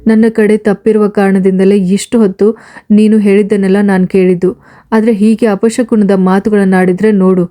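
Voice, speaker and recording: A remorseful young husband with a quick temper pleads earnestly, as a woman reads him aloud. The voice stays level and even, with a soft, mellow tone. It is an audiobook serial. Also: medium pitch, natural voice. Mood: stern. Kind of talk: audiobook character reading.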